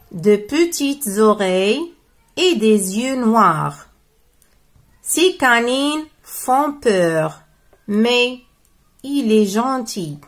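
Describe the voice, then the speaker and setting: A young schoolboy describes his dog in a slow, plain reading voice, as a woman teacher reads his part. The voice sits a little high. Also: heavily acted.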